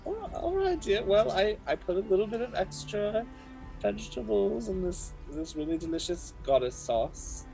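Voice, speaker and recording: A woman voicing a kindly, dotty old woman who is hard of hearing, fussy and halting in a tabletop game. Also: medium pitch, very animated, creaky, mellow, soft background music, pitched above the performer's own voice, poor audio. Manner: fussy endearments, flustered halting speech.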